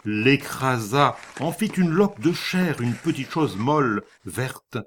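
A man's voice: medium pitch, animated, slow pace, slight background noise. A man reading a literary short story aloud with dramatic storytelling. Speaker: narrator.

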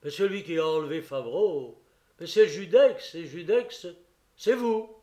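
A man voicing a loud, accusing male bandit henchman, his voice pushed higher, in an audiobook. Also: expressive, a little slow. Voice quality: shouting, accusatory.

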